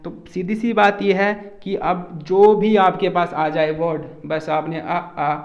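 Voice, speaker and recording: A man's voice: high voice, level tone, slow pace. A young man teaching a grammar lesson, patient and repetitive as he keeps calling on his students. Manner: patient and repetitive, often addressing students as children. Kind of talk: classroom lecture. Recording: dull lo-fi recording.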